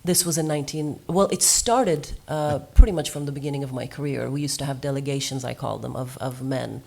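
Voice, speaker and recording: A woman from Norway speaks on a seminar panel, her voice sitting notably low for a woman. She tells her story earnestly and reflectively, as a guest musician. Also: fairly quick, creaky, mellow.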